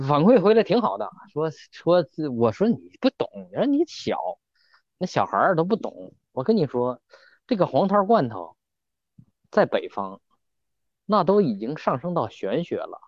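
A man's voice: a little high, big pitch swings, moderate pace, no echo. A man bantering casually as a podcast co-host, teasing and colloquial. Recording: dull, lo-fi, dry close sound.

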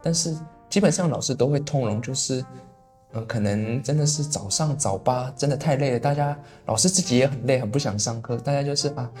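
A man's voice: medium pitch, a little fast, soft background music. Young Taiwanese man in easygoing chat. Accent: Taiwanese Mandarin. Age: young adult. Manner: relaxed, easygoing, frequent "对" affirmations. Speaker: podcast co-host. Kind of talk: casual chat.

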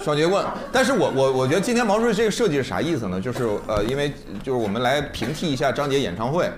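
Fast-talking, animated man in echoey room. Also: mid-range voice. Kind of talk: casual live banter. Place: live event room with audience. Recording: echoey room with loud crowd.

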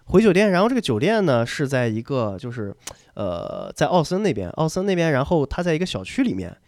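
A young man talks fast in a relaxed chat, spinning a story for his co-hosts. He slips into the voices of the people in it and often doubles back on his words. The sound is close and dry, with no room around him. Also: a little high, dry recording. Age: young adult. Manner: lively anecdote telling, acting out dialogue, repeats words. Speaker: podcast co-host.

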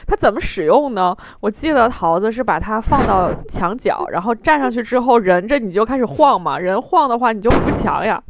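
A woman's voice: on the high side, lively intonation, fairly quick, gravelly, hardly any pauses, no room sound. A woman in casual chat as a podcast co-host, with a teasing, questioning way of talking.

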